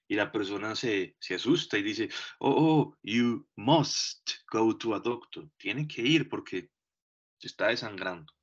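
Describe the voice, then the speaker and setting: Slow, deliberate male English teacher. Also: mid-range voice, a bit bright. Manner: slow and deliberate, checks in often with short questions. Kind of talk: bilingual grammar lesson. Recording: dull lo-fi recording.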